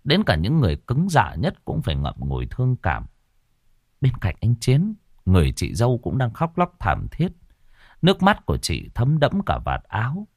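A man narrating a horror audiobook in a dramatic, expressive storytelling manner. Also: mid-range voice, moderate pace, dry recording, clean studio sound. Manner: expressive, rising and falling storytelling.

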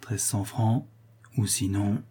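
A man voicing a crazed old craftsman in an audiobook, speaking softly and sadly in a repetitive murmur. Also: little pitch movement, slow pace, slightly rough. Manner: soft, sad, low murmur, repeating himself. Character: older male artisan gone mad, murmuring. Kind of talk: audiobook character reading.

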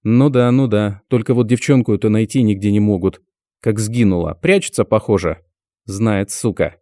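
A man's voice: fairly low pitch, moderate pace, mellow, no room sound, clean studio sound, natural voice. A man voicing a crude, menacing middle-aged uncle who sneers and swears. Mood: dismissive. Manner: coarse, sneering, swears a lot.

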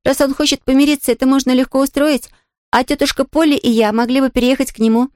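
A woman voicing an excitable, chatty young girl in an audiobook reading, talking in a breathless rush. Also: high-pitched, fast talker, no room sound, studio quality, pitched above the performer's own voice, natural voice. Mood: chattering.

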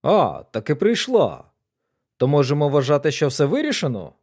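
A man voicing a loud, blustering older military colonel who speaks abruptly and exclaims. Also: a little high, wildly swooping pitch, moderate pace, breathy edge, exaggerated voice.

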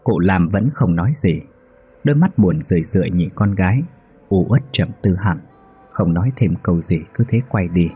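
A man calmly narrating a ghost story in a measured, scripted way. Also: low voice, breathy edge, faint music behind.

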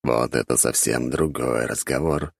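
A man doing a low, sarcastic inner voice. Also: normal speed, vocal fry, no room sound, studio quality, full character voice. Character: sardonic male inner voice, a lurking presence.

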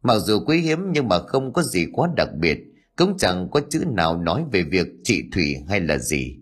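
A man's voice: low voice, big pitch swings, normal speed, breathy edge. A man narrating an audiobook, telling the tale in a dramatic storytelling manner. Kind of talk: scripted narration.

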